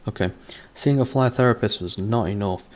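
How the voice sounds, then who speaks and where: With a fairly low, darkish voice at an ordinary pace, this man sarcastically reads from a book as a comedic reader. He keeps interrupting himself with cursing, fed-up commentary that mocks what he's reading.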